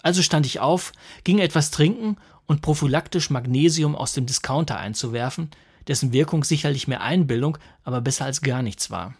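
Husky man reading a comic story. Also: medium pitch, expressive, fairly quick. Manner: dry, wry comic narration. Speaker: narrator. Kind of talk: humorous first-person story reading.

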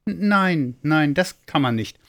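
Little excited Santa as put on by a male narrator, high breathless voice, storybook reading. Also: unhurried. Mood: unsure. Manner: eager, breathless and stammering. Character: small excitable young male Santa elf.

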